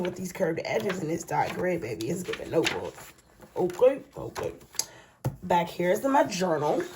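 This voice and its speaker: A woman with a mid-range voice shows off her planner from home late at night, over slight background noise. This planner vlogger is drowsy and yawns as she chats in a folksy way, addressing viewers as "y'all" and "child."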